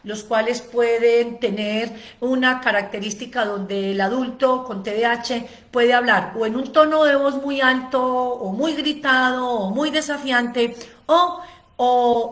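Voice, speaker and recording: A woman with a somewhat high voice delivers a spoken lecture as an educator. She explains patiently, strings together long lists and fills her pauses with "eh". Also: fairly bright tone. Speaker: ADHD educator giving a seminar.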